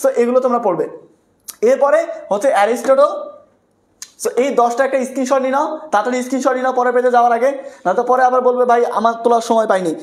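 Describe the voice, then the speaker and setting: A man with a Bangladeshi Bengali accent teaching an exam-prep English class live online, brisk and teasing, repeating points to drill his students. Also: very high-pitched, steady tone, reverberant.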